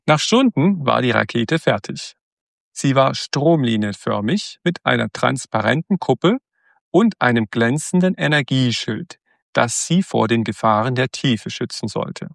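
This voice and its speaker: A man narrating a storybook in a steady, even reading. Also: medium pitch, a little slow, gravelly, dry recording, studio quality.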